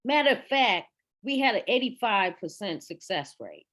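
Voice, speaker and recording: A woman speaking at a recovery forum, a former treatment nurse who talks earnestly and deliberately, pausing to find her words. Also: medium pitch, big pitch swings, fairly bright tone. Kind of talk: personal talk at a recovery forum.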